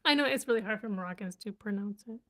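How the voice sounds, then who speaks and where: A woman's voice: mid-range voice, quick pace. A young woman chatting casually on a live stream, giggling and sounding out words as she learns them. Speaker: vlogger and language learner.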